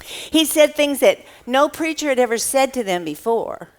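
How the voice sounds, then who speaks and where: A woman telling a Bible story to children at a church, animated and playful. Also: sits high, normal speed.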